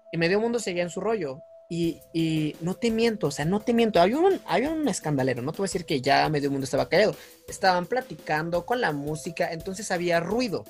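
A young man, telling a story in casual chat, animated, with frequent laughs and restarts. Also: high-pitched. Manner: animated, laughs often, many fillers and restarts.

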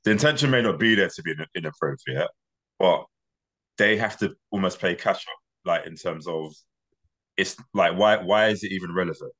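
Deep-voiced measured man. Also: fairly bright tone. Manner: measured, mediating, hesitant restarts. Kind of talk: podcast discussion.

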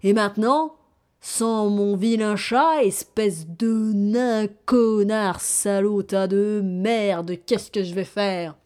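Storybook rag doll, female, foul-mouthed and bitter, loud and shouting, put on by a woman narrator. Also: mid-range voice, takes it slowly, close to an everyday voice. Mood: furious. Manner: shouting curses.

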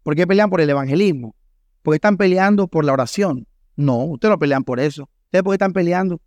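A man's voice: fairly high pitch, quick pace, darkish tone, no room sound, muffled recording. Emphatic preaching man, Colombian coastal accent. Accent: Colombian Caribbean Spanish. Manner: emphatic preaching with rhetorical questions to the congregation. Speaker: pastor. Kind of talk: sermon. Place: church hall.

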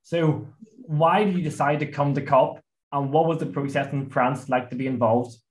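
A man's voice: fairly high pitch, fairly even intonation, moderate pace. A man asking panel questions, rephrasing them to prompt an answer. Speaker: interviewer. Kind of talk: panel interview. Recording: echoey room.

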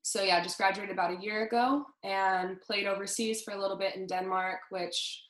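Co-hosting a podcast, a Southern California woman in her twenties talks at normal speed with fairly even intonation in a medium-pitched, slightly bright voice. Her casual chat is upbeat, friendly, and heavy on fillers. The recording is rough, and the room has an echo.

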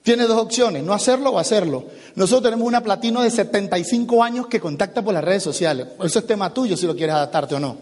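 A man giving an animated motivational business seminar talk, acting out little dialogues as he goes. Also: sits high, fast talker, long reverb tail. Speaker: business speaker.

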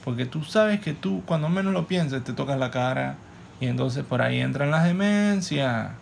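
A man's voice: mid-range voice, animated, normal speed, creaky, a little hiss or hum. A man with a Panamanian Spanish accent hosting a podcast in a casual, playful, slangy way. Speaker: podcast host; stand-up comedian.

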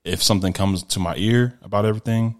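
A man with a very low voice speaks sincerely and at length, stopping and restarting as he looks for the words. The tone stays conversational and unhurried. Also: fairly even intonation. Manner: earnest, halting with restarts. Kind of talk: casual interview chat.

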